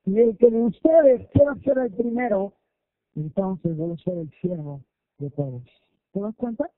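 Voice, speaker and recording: A male pastor, preaching a lively sermon, acting out quoted voices and asking listeners questions. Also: high voice, a little slow, no echo. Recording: tinny phone-like, dry sound.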